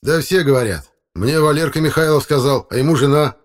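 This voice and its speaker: A man voicing a brash, tipsy older village electrician who talks back defiantly and shouts. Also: fairly high pitch, a little fast, voice pushed up, natural voice.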